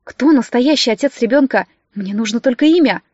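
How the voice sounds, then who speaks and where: A woman's voice: a little high, expressive, fairly quick, dark tone, dry recording, highs cut off. Woman voicing a distressed young wife. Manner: pleading, trembling.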